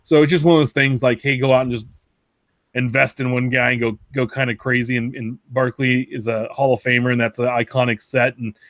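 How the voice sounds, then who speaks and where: A man's voice: mid-range voice, flat delivery, a little fast, a bit bright, no room sound. A man co-hosting a casual podcast chat, rambling and correcting himself as he tells stories and jokes. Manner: rambling, self-correcting, jokey. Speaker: podcast co-host.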